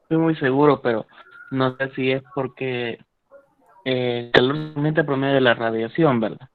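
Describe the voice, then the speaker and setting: A man's voice: medium pitch, fairly even intonation, normal speed, smooth. A male student answering hesitantly in an online class, his voice breaking up over a bad call connection. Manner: hesitant, searching for words. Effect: choppy bad call connection. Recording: dull, choppy video-call audio.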